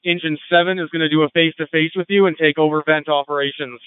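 A man speaking as a fire incident commander over two-way radio, giving brisk procedural orders in urgent firefighter radio traffic. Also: on the high side, steady tone, clear, resonant tone, no room sound. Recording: tinny narrow-band two-way radio.

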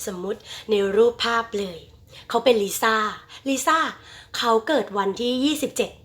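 A woman teaching English vocabulary in a bilingual lesson, repeating each word for her students and addressing them fondly as children. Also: fairly high pitch. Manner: drills vocabulary with slow, stretched repetition.

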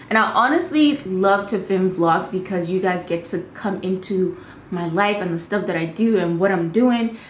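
A young woman speaks in a medium-pitched voice as she casually reviews beauty products on camera indoors at her home studio. She's chatty and bubbly, full of fast asides. The room sounds roomy with faint ambience, plus slight background noise.

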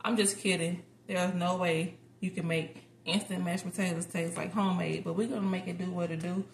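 This home cooking vlogger, an American woman, talks informally and openly to her audience as she makes food indoors at home. She speaks briskly in a fairly low, gravelly voice with fairly even intonation, and the spacious kitchen adds noticeable background noise.

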